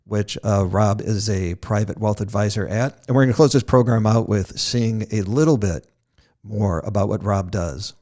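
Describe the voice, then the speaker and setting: His voice is on the low side and a little mellow, moving at normal speed as he hosts a casual podcast. He spins self-deprecating tales and laughs along at his own jokes.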